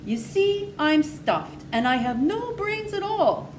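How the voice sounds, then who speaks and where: Storybook scarecrow played by a woman: male figure, earnest and courteous, high lilting delivery, faint hiss of noise behind. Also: sing-song, slow pace, full character voice, rough recording. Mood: wistful, confiding. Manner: courteous, exclaiming, confiding. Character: friendly brainless stuffed scarecrow, male, politely earnest.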